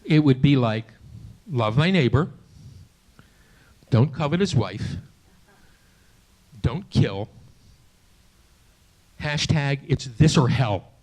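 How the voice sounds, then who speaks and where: A man in his late sixties performing a stand-up comedy set in a small theater, with a halting, self-deprecating delivery full of restarts, and audience laughter behind him. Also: mid-range voice, lively intonation, a little mellow. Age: 60s. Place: small theater stage before a live audience.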